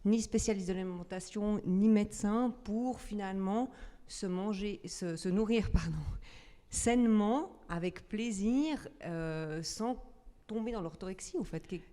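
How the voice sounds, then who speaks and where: A woman's voice: medium pitch, a little slow, warm tone. Hesitant woman asking a long question. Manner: hesitant, rambling, searching for words. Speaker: audience member asking a question. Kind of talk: question from the floor. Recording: long hall reverb.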